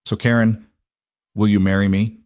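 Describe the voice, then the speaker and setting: A man's voice: on the low side, little pitch movement, normal speed, a little mellow, no room sound, studio quality, lightly acted. A man voicing a nervous but heartfelt man proposing, speaking tenderly in a storybook reading. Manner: earnest, tender.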